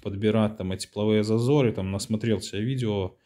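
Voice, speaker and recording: A man casually walking through the homemade tractor he built, explaining it in a halting way, with many fillers and restarts. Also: fairly low pitch, fairly even intonation, warm tone. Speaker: home mechanic showing his build. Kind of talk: casual garage walkthrough.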